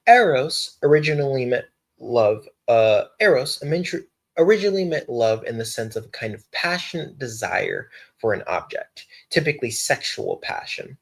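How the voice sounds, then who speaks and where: A man's voice: mid-range voice, sing-song, normal speed, creaky. A young man on a casual live stream, reading a philosophy text aloud, stumbling over words, restarting lines and breaking off for slangy asides.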